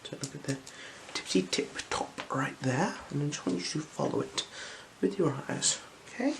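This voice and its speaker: In a soft-spoken, whispered ASMR roleplay, a person with a mild cold acts as an eye examiner, murmuring little hums between brief phrases close to the microphone, slow and gentle. Their mid-range voice is creaky yet lively in intonation, and there's noise in the background.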